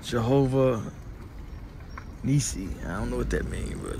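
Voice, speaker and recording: A man's voice: mid-range voice, big pitch swings, measured pace, creaky, very noisy. A man in his forties with a Chicago accent, talking casually and slangily to a phone held at arm's length while touring houses and bars. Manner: laid-back, slangy street talk. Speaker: vlogger. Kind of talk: casual vlog tour. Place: various, car, bar and indoors.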